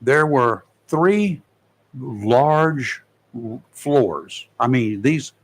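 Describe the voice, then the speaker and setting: In a radio studio, a man hosting a local talk show reads out safety tips, adding folksy, joking asides in a casual manner. His medium-pitched voice is animated and very slow.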